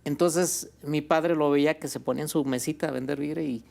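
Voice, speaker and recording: A man with a Mexican accent, a guest on an interview show, telling a family story in a relaxed way, with many fillers like "este" and "pues". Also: on the high side, fairly quick, gravelly. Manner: relaxed, fills with "este" and "pues", ends phrases with "¿no?". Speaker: guest, birria restaurant owner.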